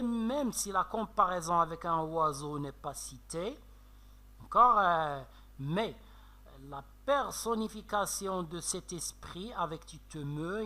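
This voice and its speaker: A man teaching a French literature lesson with a Moroccan French accent, explaining slowly with many fillers and checks of "d'accord?". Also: a little high, pushed and bright. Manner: slow, explanatory, frequent "euh" and "d'accord?". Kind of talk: classroom lecture on poetry analysis.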